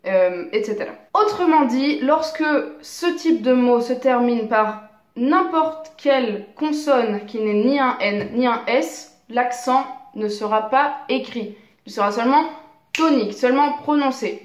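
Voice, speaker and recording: A woman teaching a language lesson, explaining grammar rules with enthusiasm and slowing down to spell out example words. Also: on the high side, roomy sound.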